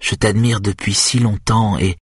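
Un homme jouant une jeune femme aguicheuse. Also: male voice, lowish voice, fairly even intonation, unhurried, no room sound, studio quality, voice pushed up. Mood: teasing. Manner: teasing, breathy whispers and giggly outbursts.

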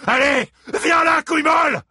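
A man voicing an enraged, grieving father who bellows threats and insults, pitched far above his own voice. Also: normal speed, pushed and bright, dry recording, raised voice, studio quality, exaggerated voice. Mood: raging shouts.

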